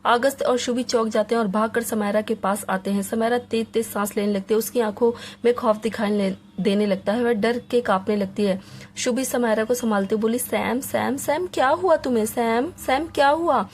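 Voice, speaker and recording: A woman reads a serialized romance aloud as an audiobook narrator, dramatic and expressive throughout. Her voice sits fairly high for a woman, and a faint hiss runs under the recording. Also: fairly quick. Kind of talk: scripted story narration.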